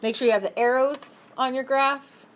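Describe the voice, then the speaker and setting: A woman teaching a math class, brisk and upbeat, asking her students questions as she works through problems. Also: high voice, fairly even intonation. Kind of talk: classroom lesson.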